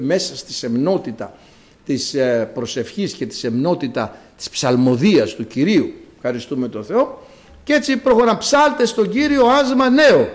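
A man preaching a sermon as a priest, with dramatic rises and drawn-out words. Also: fairly high pitch.

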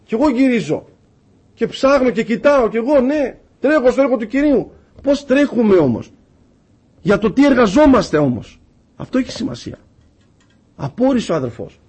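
Guy preaching a sermon, kinda husky, high voice, tells stories with lots of feeling. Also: big pitch swings, pauses often, a little mellow. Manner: impassioned, acts out dialogue in stories.

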